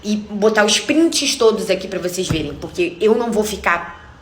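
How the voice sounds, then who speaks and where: A woman's voice: mid-range voice, moderate pace, a little hiss or hum. A young woman with a Brazilian accent, telling a personal story in a casual vlog, angry and emphatic, often repeating herself. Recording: echoey room.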